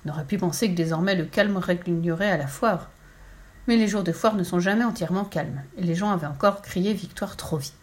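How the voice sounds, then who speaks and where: A woman narrating a children's storybook aloud in a steady, clear storytelling voice. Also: on the low side, brisk. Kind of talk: storybook reading.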